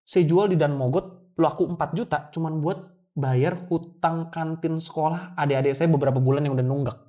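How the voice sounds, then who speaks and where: The host is often respectfully called "Pak," meaning sir, by this young guest as he emotionally shares a painful story from his life. He talks at a normal speed in a slightly high, warm voice with fairly even intonation.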